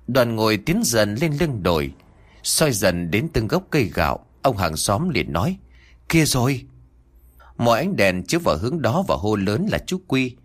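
A man narrating a rural ghost story in an expressive, dramatic storytelling manner. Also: on the low side.

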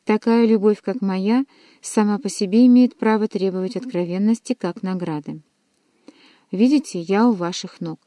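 A woman's voice: mid-range voice, normal speed, mellow, no room sound, lightly acted. A woman voicing an ardent, jealous young male nobleman who pleads his love. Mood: jealous pleading. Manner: pleading, impassioned.

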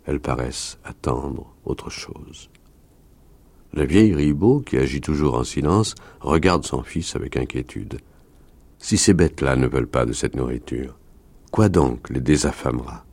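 A man reading a novel aloud in a slow, deliberate way. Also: extremely low pitch, expressive, vocal fry, darkish tone, slightly rough, no room sound. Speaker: reader.

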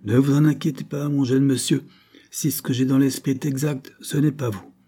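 A man's voice: mid-range voice, steady tone, moderate pace, mellow, slightly rough, voice pushed up, lightly acted. A man voicing a shrewd, self-important police sergeant who keeps his clues to himself, in an audiobook. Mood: confiding. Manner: secretive and knowing.

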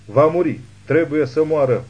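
A man's voice: a little high, husky, dull audio, pitched above the performer's own voice. Man putting on a crazed hateful old woman. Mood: shrieking. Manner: hissing accusations, forceful.

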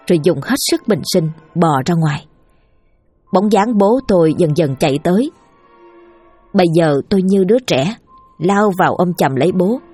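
A woman narrating a scripted horror story in a steady, tense storytelling manner. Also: fairly low pitch, husky. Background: faint music.

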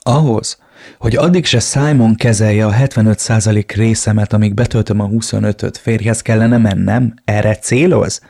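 A man's voice: fairly low pitch, fairly even intonation, creaky, warm tone, dry recording, studio quality. A man reading an audiobook voices a young heiress who protests in a shocked, exasperated way. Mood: shocked indignation. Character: young heiress woman, frightened and indignant.

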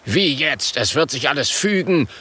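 A man voicing a stern, indignant male sub-chief who speaks gravely and slowly, in a storybook reading. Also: low voice, expressive, fairly bright tone, a little hiss or hum, exaggerated voice. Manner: grave, slow.

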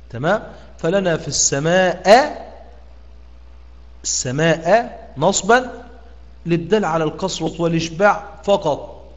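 A man with an Egyptian Arabic accent teaching Quran reading rules, stopping to quiz his students and stretching out example words as he recites them. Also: fairly high pitch. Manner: questioning, pausing with "what?" for students to answer; drawn-out demonstrative recitation of words. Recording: lo-fi online room audio with a long reverb.

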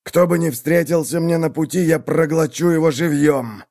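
A man's voice: on the high side, moderate pace, vocal fry, darkish tone, voice pushed up. A man voicing a hungry, boastful male wolf who growls out threats, read as a storybook tale. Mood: blustering. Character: hungry, blustering male wolf, easily tricked.

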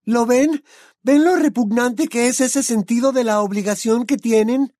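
A man's voice: very high-pitched, unhurried, darkish tone, dry recording, clean studio sound, pitched above the performer's own voice. A man voicing an earnest, tearful young woman who pleads and protests indignantly. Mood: upset pleading. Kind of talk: audiobook character voice.

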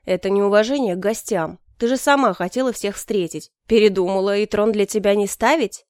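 A woman's voice: mid-range voice, a little fast, a little mellow, no room sound, clean studio sound, close to an everyday voice. A woman voicing a cold, stern male emperor who speaks curtly and icily, in an audiobook reading. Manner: curt, icy. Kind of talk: audiobook character voice.

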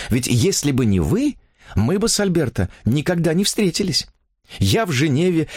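A man's voice: fairly high pitch, darkish tone, dry recording, clean studio sound, pitched above the performer's own voice. Man putting on a gushing young woman.

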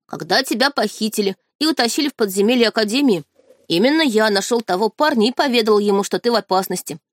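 A woman reading an audiobook, voicing a magical tiger cub in a small boy's form who speaks in a flat, indifferent way and keeps demanding food. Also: on the high side, fast, dry recording, studio quality, lightly acted. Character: magical tiger-cub beast as a small boy, blunt, always hungry.

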